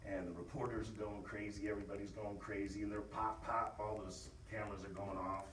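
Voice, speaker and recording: Male football coach, lowish voice, delivering a punchy locker-room pep speech, recorded at a distance. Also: level tone, fairly quick, fairly bright tone. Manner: emphatic, short punchy exhortations. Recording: echoey room, distant mic, faint noise.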